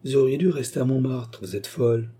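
A flustered aristocratic baron, bewildered and exclaiming, yet indulgent, as a male reader voices him. The tone is very dark and mellow with a husky grain. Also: mid-range voice, brisk, pitched above the performer's own voice.

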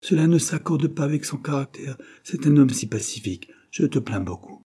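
A man reading aloud voices a calm, kindly older woman who speaks in a soothing, measured way. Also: mid-range voice, husky, pitched above the performer's own voice.

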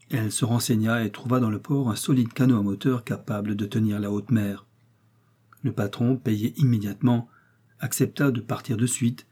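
Man, storybook narrator, steady reading, mellow, husky. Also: lowish voice. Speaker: audiobook narrator.

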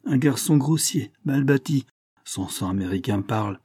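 A man's voice: medium pitch, expressive, normal speed, warm tone, slightly rough. A man reading aloud, voicing an irascible, gouty old English earl who growls out scornful outbursts.

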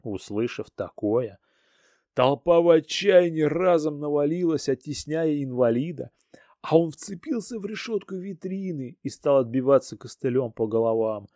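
A man reads a story aloud with dramatic expression, his voice mellow and dark. The sound is close and dry, with no room around it. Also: fairly high pitch, lively intonation, measured pace, no echo. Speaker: narrator. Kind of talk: audiobook narration.

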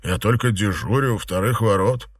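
A man's voice: lowish voice, moderate pace, husky, no echo. A man voicing a cautious, obedient male gatekeeper servant answering his mistress deferentially and evasively.

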